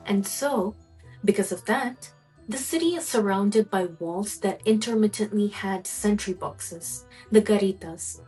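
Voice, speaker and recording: A woman narrating a spooky folk tale as a storyteller, slow and suspenseful, lingering on pauses. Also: medium pitch, dark tone, breathy edge, soft background music, low-quality recording.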